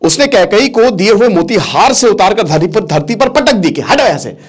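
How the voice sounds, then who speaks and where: Brief: male teacher, storytelling lesson, high voice, chatty explainer who checks in with students. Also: expressive, moderate pace. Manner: explains as he goes, mixes in English words, checks if students follow.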